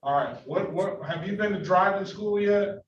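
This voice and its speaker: A man presiding as judge over a virtual court hearing, halting and repeating himself as he fires off blunt questions. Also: high voice. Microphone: video call. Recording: echoey, distant, dull, noisy.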